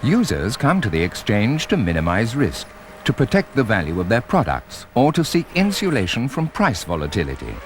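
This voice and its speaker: A man reading scripted corporate documentary narration in a measured, formal way. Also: fairly low pitch, huge pitch swings, background noise. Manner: measured, formal presenter delivery. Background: music.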